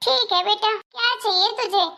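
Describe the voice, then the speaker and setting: A woman's voice: very high voice, normal speed, creaky, sharp tone, exaggerated voice. A woman voicing a doting, indulgent older mother and mother-in-law who soothes her daughter, in a Hindi moral story cartoon.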